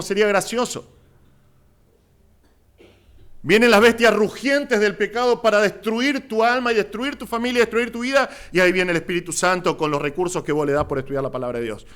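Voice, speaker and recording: Impassioned Rioplatense pastor preaching. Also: male voice, high voice, smooth. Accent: Rioplatense Spanish. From Argentina. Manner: impassioned preaching, swinging between loud exclamations and hushed asides. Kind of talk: sermon.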